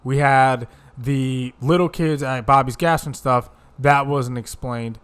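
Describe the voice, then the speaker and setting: A man's voice: mid-range voice, takes it slowly, clear, resonant tone. Man chatting through a movie review. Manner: animated storytelling, retells scenes in quoted voices. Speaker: podcast co-host reviewing a movie. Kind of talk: casual chat.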